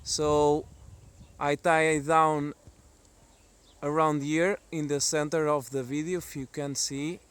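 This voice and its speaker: A man's voice: a little high, flat delivery, fairly bright tone, smooth. A man who is not a native English speaker gives a casual, hesitant hobbyist video demonstration outdoors in the countryside. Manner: hesitant, halting delivery. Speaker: amateur radio hobbyist presenting a video. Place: outdoors in the countryside among trees.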